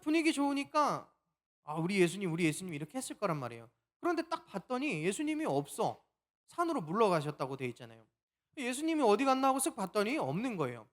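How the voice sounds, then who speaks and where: A pastor preaching a sermon, telling the story in a lively way and acting out the quoted lines. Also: male voice, high-pitched.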